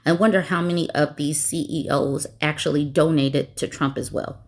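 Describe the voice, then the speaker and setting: Lower-voiced woman with sarcastic commentary. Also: steady tone, normal speed. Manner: sarcastic, mocking asides. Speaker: political commentary host. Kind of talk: reading news articles with commentary.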